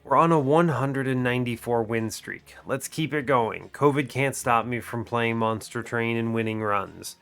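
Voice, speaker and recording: Soft background music plays as a young, sick gaming host commentates on a card game, rambling and correcting himself. Through his desk microphone, his mid-range voice comes across creaky, muted, a bit nasal and fairly bright, at normal speed with few pauses.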